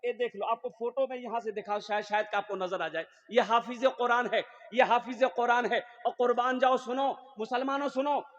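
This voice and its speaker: High-voiced preacher, echoey and lo-fi. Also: male voice, fairly even intonation, moderate pace, hardly any pauses. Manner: rising into loud exhortations with many repeated phrases. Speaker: Islamic preacher. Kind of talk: sermon at a religious gathering. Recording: echoey, dull lo-fi live recording.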